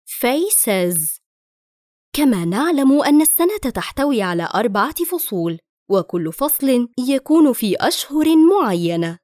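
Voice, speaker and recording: A woman's voice: a little high, darkish tone, no echo, clean studio sound. A woman teacher narrating a scripted lesson, carefully enunciating English words for learners to repeat. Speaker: language teacher.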